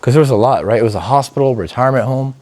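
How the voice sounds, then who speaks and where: A man's voice: mid-range voice, rapid-fire, darkish tone. A man hosting an exploration vlog, chatting casually to viewers with slangy, sweary speech as he walks through underground passages. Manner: profane, slangy. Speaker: host of an urban exploration vlog. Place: underground corridors and tunnels of abandoned building. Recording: noisy handheld recording in underground tunnels.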